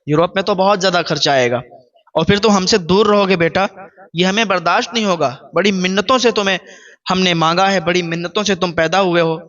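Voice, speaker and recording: A man voicing a gentle, hurt elderly father who reproaches his son softly. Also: high voice, muffled recording. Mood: pleading.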